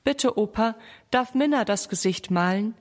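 A woman reading as an excited little boy, pitched up above her own voice. He is eager and pleading in a storybook for children. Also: normal speed, long reverb tail, natural voice.

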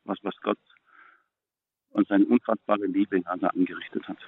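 Middle-aged male guest, low-voiced, earnest and halting, faith testimony, heard over a narrow dry phone line. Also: flat delivery, husky, no room sound. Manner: earnest, halting, repeats words when moved.

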